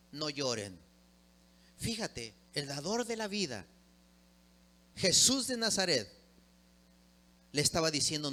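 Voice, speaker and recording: Middle-aged male preacher, fairly high-pitched, impassioned sermon delivery. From Mexico. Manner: impassioned, swings from loud emphatic peaks to low quiet drops.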